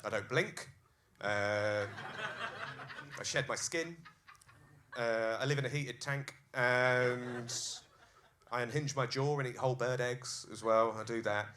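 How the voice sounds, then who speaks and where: A man's voice: mid-range voice, slow pace, fairly bright tone, a little hiss or hum. A man doing a live stand-up set in a comedy club, acting out scenes with crude jokes. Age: 30s.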